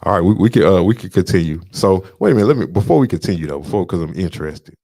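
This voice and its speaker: A man's voice: deep voice, expressive, very fast, warm tone, no echo, clean studio sound. A man co-hosting a podcast, lecturing emphatically in casual political talk and repeating his points. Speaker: podcast co-host. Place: studio booth.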